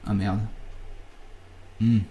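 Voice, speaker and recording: A man teaching a software tutorial over a screencast, talking in a casual, chatty way with fillers and self-corrections. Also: very slow, a little hiss or hum, rough recording.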